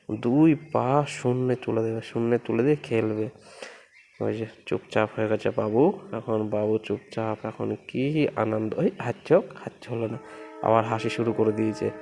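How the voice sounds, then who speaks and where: Man, home phone vlog, gentle repetitive commentary, warm low tone, some vocal fry, faint background hiss. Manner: gentle, repetitive running commentary, coos to the baby. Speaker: vlogger filming his baby. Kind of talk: casual vlog narration. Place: home room with the baby. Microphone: phone camera.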